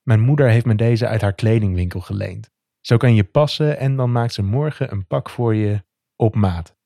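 A man's voice: fairly low pitch, normal speed, creaky, no room sound. A man voicing an eager, friendly young guy. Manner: lively, then hushed and tender.

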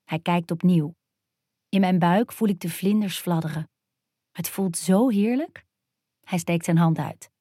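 Woman, erotic story narrator, first person, intimate, hushed, lowish voice, dry close recording. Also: a little slow, pauses often, no echo.

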